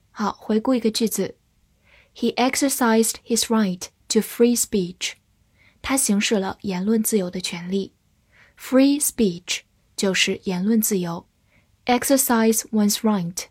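A woman teaches English vocabulary in a measured, scripted way. She spells each word out and reads the example sentences slowly. Her voice is a little breathy and sits close on a dry mic. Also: medium pitch, no room sound.

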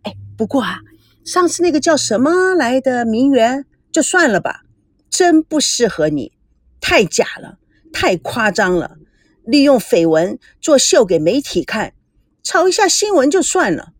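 A woman's voice: high voice, measured pace, no room sound, clean studio sound, voice pushed up, exaggerated voice. A woman doing a cocky chatterbox teenage girl. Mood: teasing. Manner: coaxing, lively and know-it-all. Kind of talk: audiobook character voice.

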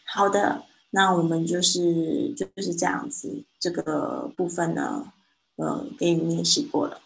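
A woman's voice: on the low side, fairly even intonation, gravelly, rough recording. Patient woman coaching English pronunciation. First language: Mandarin. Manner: patient, corrective, models words slowly. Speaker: English teacher.

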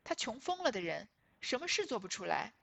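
Cunning young noble lady, read by a woman, feigned grievance, emphatic, slightly raised and husky. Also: on the high side, very animated, a little fast, a bit bright, heavily acted. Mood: aggrieved, scheming. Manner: theatrical, emphatic recitation of classical dialogue. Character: shrewd sharp-tongued young noblewoman, feigning hurt. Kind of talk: reading a classic novel aloud.

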